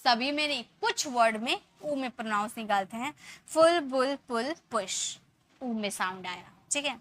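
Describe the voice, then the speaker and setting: High, bright-voiced woman teacher. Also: lively intonation. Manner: patient, repeats words slowly and asks questions. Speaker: English pronunciation teacher. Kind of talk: explaining rules to students.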